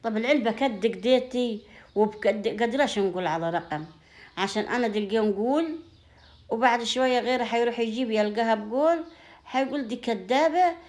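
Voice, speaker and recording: This home vlogger has a fairly high, darkish voice and a brisk delivery. Speaking Upper Egyptian Sa'idi Arabic, she talks casually to her audience, warm and folksy, full of blessings and terms of endearment.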